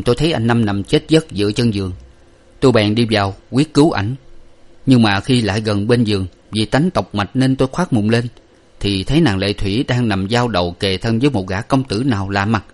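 Man as a commanding young gentleman. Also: lowish voice, fairly quick, lightly acted. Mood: recounting. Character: young gentleman master, dazed but commanding.

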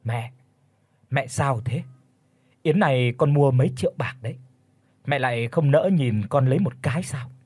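A man's voice: mid-range voice, moderate pace, pauses often, a little mellow, breathy edge, no echo, close to an everyday voice. A man voicing a greedy grown son, wheedling and snapping at his mother in an audio storybook. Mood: pleading. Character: greedy grown son, flattering then hostile.

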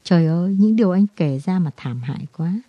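A woman's voice: on the low side, lively intonation, fairly quick, breathy edge, no echo. Storybook figure: shocked, tearful young wife, pleading, read by a woman on a dull, dry recording. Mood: grieving.

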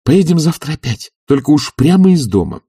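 A man's voice: fairly high pitch, sing-song, a little fast, dark tone, husky, no room sound, studio quality, voice pushed up, heavily acted. A man reading aloud and voicing a playful, teasing young woman in love.

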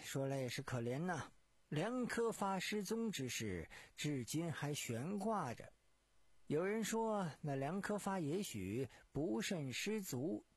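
A man voicing a townsman who passes gossip and leads to a detective, sighing as he talks, in a slow, husky, dry studio recording. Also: a little high, no echo, full character voice.

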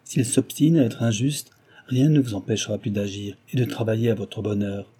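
A man voicing a kindly, sensible older woman in an audiobook, reasoning calmly. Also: fairly low pitch, a little fast, breathy edge.

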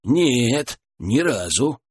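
A man voicing a gruff, suspicious armed man on a raft, speaking bluntly in an audiobook. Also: mid-range voice, very animated, extremely slow, no room sound, exaggerated voice. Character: wary armed man guarding a raft house.

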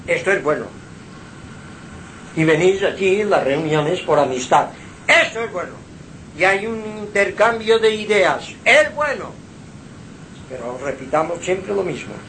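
A man leads an informal spiritual talk at home in a high, unhurried voice. He preaches deliberately and drives each point home with rhetorical questions. A faint hum of ambience sits behind him. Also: a bit bright, low-quality recording. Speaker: spiritual teacher hosting gatherings. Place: his home. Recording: live home gathering.

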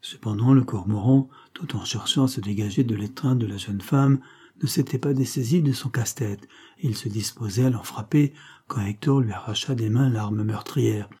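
Dark husky male audiobook narrator. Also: on the low side, moderate pace. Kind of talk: scripted narration.

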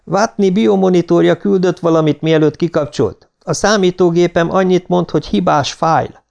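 A man's voice: high voice, gravelly, a little mellow, voice pushed up. A man reading an audiobook, voicing a serious male crew doctor who speaks carefully. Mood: grave.

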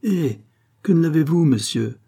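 A man's voice: on the high side, animated, a little slow, creaky, mellow, slightly rough, pitched above the performer's own voice, heavily acted. A man voicing a haughty, scornful queen with a biting, contemptuous delivery. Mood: mocking.

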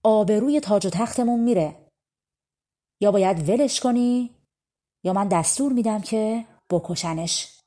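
A woman's voice: mid-range voice, pauses often, dark tone, natural voice. A woman voicing a proud, stern old king in a fairy tale, speaking firmly and with threat. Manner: firm, threatening.

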